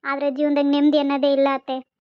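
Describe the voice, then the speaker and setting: Brief: a woman as a grieving young wife in a home drama, high, flat delivery, muffled sound. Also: fast, natural voice. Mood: sorrowful. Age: young adult. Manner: quiet, resigned lament. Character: patient young wife, sorrowful and restrained. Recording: dull lo-fi.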